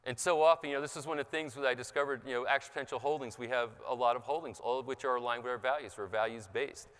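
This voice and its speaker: A man giving an impassioned motivational seminar talk, raising his pitch for emphasis, recorded in a large conference hall. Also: racing, fairly bright tone, clean tone. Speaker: seminar speaker. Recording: large hall with long reverb.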